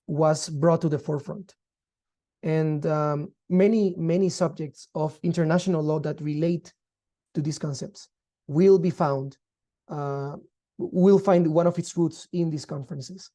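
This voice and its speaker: Very dark-voiced man lecturing. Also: a little high. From Guatemala. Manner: measured, formal, explanatory. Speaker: law lecturer. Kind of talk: online lecture.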